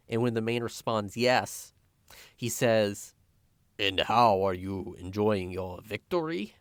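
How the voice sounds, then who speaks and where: A man's voice: lowish voice, no room sound, studio quality. A man narrating a scripted video essay as a film critic, opinionated and sarcastic in his commentary.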